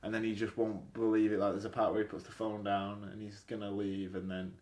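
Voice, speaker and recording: A man's voice: lowish voice, fairly quick. A man co-hosting a podcast, talking casually and analytically about a film with lots of fillers. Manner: relaxed, analytical, many fillers. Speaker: podcast co-host. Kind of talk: casual film review chat. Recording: echoey room.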